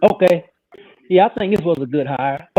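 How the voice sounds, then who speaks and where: A man's voice: on the high side, expressive, normal speed, highs cut off. A man calling into a casual football chat over a video call with a shaky connection, often repeating and stammering his words. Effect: joining remotely on a video call with a shaky connection. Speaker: football podcast panelist.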